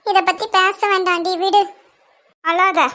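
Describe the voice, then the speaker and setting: A woman's voice: very high-pitched, little pitch movement, measured pace, bright, forceful tone, full character voice. A woman with a Kanyakumari Tamil accent voicing young women and a fussing mother in a family cartoon, with a scolding, teasing manner.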